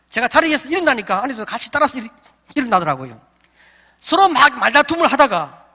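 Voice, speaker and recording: A man's voice: very high voice, husky, long reverb tail. A middle-aged man, a professor, giving a lecture on marriage and telling a personal story, acting out his own thoughts as he goes. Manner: animated storyteller, acts out inner thoughts.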